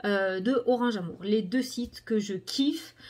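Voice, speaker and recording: A woman's voice: mid-range voice, a little slow, a little mellow. A middle-aged woman hosting a casual review video, chatting with lots of fillers while showing items to the camera. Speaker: cartomancy video host. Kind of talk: casual product review chat.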